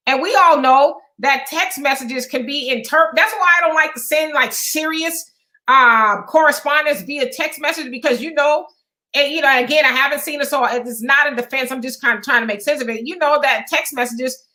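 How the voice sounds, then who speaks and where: Bright-voiced woman co-hosting a talk show. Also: high-pitched, moderate pace. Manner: chatty, meandering, many fillers. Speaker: co-host. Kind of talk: casual political talk show chat.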